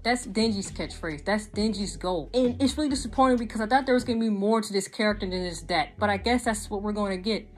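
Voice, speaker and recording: A woman's voice: medium pitch, quick pace, few pauses, faint music behind. A young woman giving a frank, exasperated anime review in casual vlog style, talking with lots of hand gestures. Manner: animated, gestures a lot while talking. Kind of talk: casual video commentary. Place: small indoor room with a gaming desk setup.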